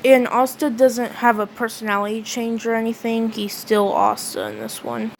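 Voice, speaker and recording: A woman casually retelling a fan story, halting with fillers and restarts. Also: on the high side, level tone, vocal fry, slight background noise.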